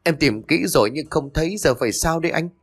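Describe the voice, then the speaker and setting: A man's voice: on the high side, expressive, fast, breathy edge, pitched above the performer's own voice. A man playing a harsh, scheming stepmother. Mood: feigned worry. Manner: harsh, scolding. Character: cruel, scheming young stepmother.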